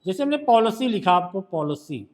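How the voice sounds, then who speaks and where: A man's voice: sits high, big pitch swings, normal speed, darkish tone. A male shorthand teacher with a Hindi accent, patiently quizzing a student during one-on-one tutoring.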